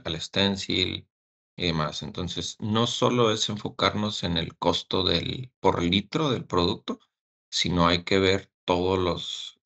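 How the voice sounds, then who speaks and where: A man presenting a technical webinar as a service engineer, speaking haltingly with fillers and repeated words over a webcam. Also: low voice, gravelly, bright, forceful tone, dull audio.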